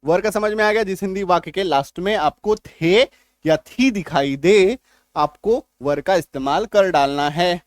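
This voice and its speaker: Man, high voice, grammar teacher, step-by-step explaining, dry close sound. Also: unhurried, dry recording. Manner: explains step by step, often checks "clear?". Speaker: English teacher. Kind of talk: grammar lesson.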